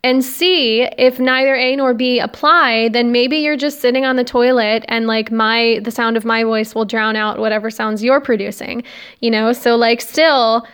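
A young adult American woman hosts a solo podcast recorded on her phone, rambling in a casual, confessional, self-deprecating way. Her voice is fairly high and very clear, steady and fairly bright at a normal speed, with a slight lisp from her braces.

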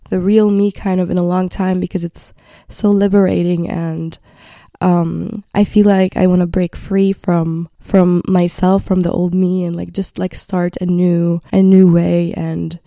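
A woman's voice: lowish voice, dark tone, no echo, studio quality. A woman in her twenties from Palestine, hosting a casual solo podcast and rambling as she searches for words. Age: 20s. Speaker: podcast host.

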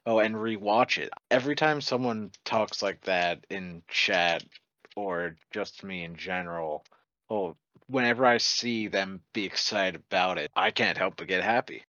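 A man's voice: sits low, measured pace, pushed and bright, no echo, lo-fi sound. A man co-hosting a casual chat, playful and joking with his friends. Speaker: channel co-host.

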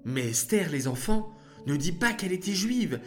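A man telling a story to children, speaking to them directly in an expressive way. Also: high voice, normal speed, soft background music.

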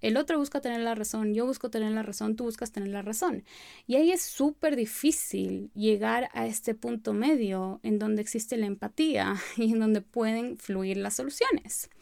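Fast-talking woman podcast host, dry close sound. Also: a little high, vocal fry, darkish tone, no room sound. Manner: fast-talking, sometimes trips over words; light laughs between phrases. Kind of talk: solo podcast monologue.

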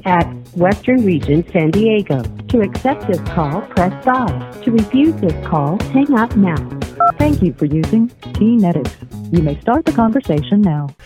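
A woman's voice comes through a prison phone line as an automated collect-call announcement, sounding distant from the mic with guitar music plainly playing behind her. Her pitch moves up and down a lot, but she reads each prompt in a measured, formal way. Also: animated. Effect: automated prison collect-call phone message. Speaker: automated operator.

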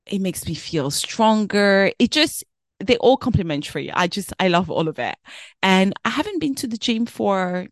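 A woman's voice: mid-range voice, lively intonation, normal speed, no echo, studio quality. A woman in her thirties hosting a casual solo podcast, chatting in a rambling way and often correcting herself mid-sentence. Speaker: podcast host.

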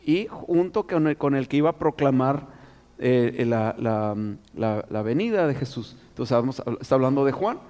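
In a big-room acoustic, a man delivers a conversational Bible study sermon in a mid-range, darkish voice at normal speed with lively intonation. He reads verses aloud, repeats and restarts himself, and asks his listeners questions along the way.

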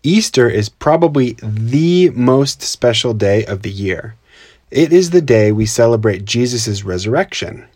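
A man's voice: medium pitch, expressive, unhurried, darkish tone, dry recording, studio quality. A man co-hosting a children's storytelling podcast, explaining things in simple terms, recorded at home without a proper mic. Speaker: podcast co-host.

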